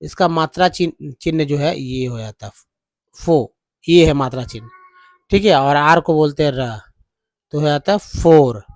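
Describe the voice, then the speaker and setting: A man teaching English pronunciation on a whiteboard, explaining slowly and repeating words for practice. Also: fairly high pitch, dry recording.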